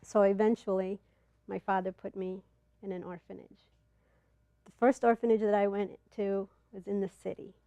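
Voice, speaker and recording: A middle-aged woman from Ethiopia telling a personal story to a live audience, earnest and halting, with pauses and fillers, on a clip-on mic. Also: mid-range voice, level tone, mellow, dry recording. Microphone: clip-on mic, not in front of the face.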